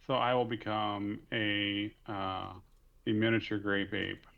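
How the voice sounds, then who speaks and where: A man with a low, gravelly voice plays at the tabletop, casual and joking. His mic sounds dull and lo-fi, with the highs rolled off. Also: little pitch movement, slow. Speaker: player.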